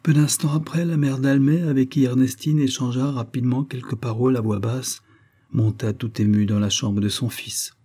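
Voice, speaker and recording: A man reading a serial novel aloud as an audiobook, with measured, expressive phrasing in short clauses. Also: medium pitch. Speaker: audiobook narrator.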